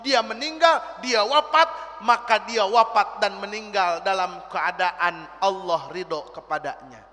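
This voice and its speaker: A high, bright male voice delivers a sermon slowly and with emphasis, at times rising to a shout and chanting Arabic verses. He addresses a gathered audience, and his voice carries the long reverb of a large hall. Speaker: Islamic preacher.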